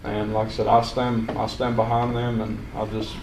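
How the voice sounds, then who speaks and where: Here a young Sequatchie County, Tennessee man offers off-the-cuff public comment at a county meeting, rambling plainly and restarting often. His voice is on the low side, utterly flat, at a moderate pace. Faint hiss and hall echo come through the distant microphone.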